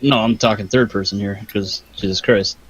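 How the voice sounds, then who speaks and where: A man's voice: lowish voice, steady tone, normal speed, slightly rough, lo-fi sound. Joking Canadian man at a game table. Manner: joking, swears casually. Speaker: player. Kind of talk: casual chat during a tabletop game.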